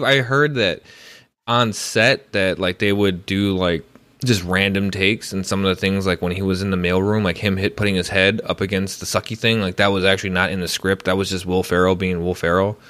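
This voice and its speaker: A man's voice: low voice, fairly bright tone, dry recording. A man hosting a podcast, talking in a rambling, casual way with lots of fillers. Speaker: podcast host. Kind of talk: casual chat.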